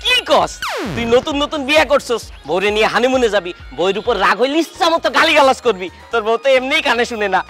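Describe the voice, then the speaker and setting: An actor playing a mocking young male friend who teases loudly, in a comic drama. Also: extremely high pitch, expressive, fast talker, soft background music. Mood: teasing. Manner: teasing, mocking, loud.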